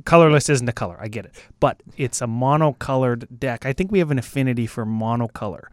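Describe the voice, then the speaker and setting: A man's voice: medium pitch, lively intonation, fast talker, no room sound, clean studio sound. A man co-hosting a podcast in casual chat from a small broom closet, laid-back and joking, sometimes losing his train of thought. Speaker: podcast co-host. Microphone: good studio mic.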